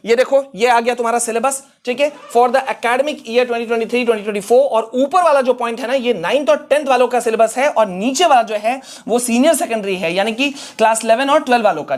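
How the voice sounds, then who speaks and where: A man runs a casual online lesson for students, talking them through each click on screen. He is chatty and encouraging and often drops in English phrases. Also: very high-pitched. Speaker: online exam-prep teacher. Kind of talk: casual screen-share tutorial.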